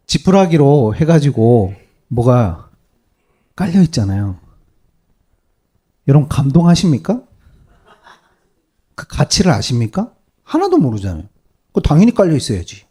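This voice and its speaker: A male pastor preaching a sermon to his congregation, animated and peppering them with rhetorical questions. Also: medium pitch, breathy edge. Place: church service.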